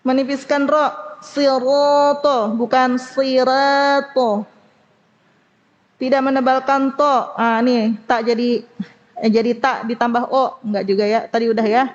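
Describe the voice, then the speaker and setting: A woman from Indonesia teaching Quran recitation in a study class, explaining fast and then sounding out Arabic letters slowly. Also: on the high side, long reverb tail, lo-fi sound.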